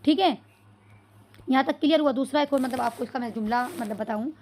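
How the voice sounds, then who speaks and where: Teaching Arabic against slight background noise, this woman speaks high with a darkish tone. She answers her own questions, regularly asks "clear so far?" to make sure the class understands, and spells Arabic words out slowly.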